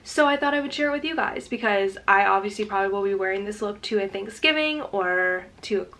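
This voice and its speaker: A woman's voice: mid-range voice, brisk, fairly bright tone. Stuffy-nosed young woman chatting a makeup vlog. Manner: chatty with frequent "um" fillers. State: stuffy, nasal voice from a cold. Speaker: fashion and lifestyle content creator. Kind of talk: casual makeup tutorial vlog.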